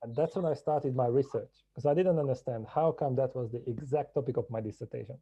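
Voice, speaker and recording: A man from Hungary, a podcast guest telling his story in a measured, reflective way. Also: medium pitch, warm tone, breathy edge, dull audio. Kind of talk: podcast interview.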